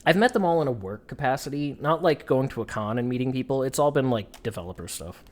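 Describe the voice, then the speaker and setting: A woman's voice: very deep voice, lively intonation, quick pace, darkish tone. A woman streamer chatting casually and wryly while playing a game. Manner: wry, self-deprecating and chatty. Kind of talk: casual gameplay commentary. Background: faint game music.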